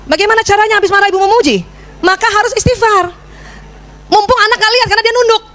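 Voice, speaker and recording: Lively woman giving a parenting lecture. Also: very high-pitched, quick pace. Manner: lively, acts out scenes with her son.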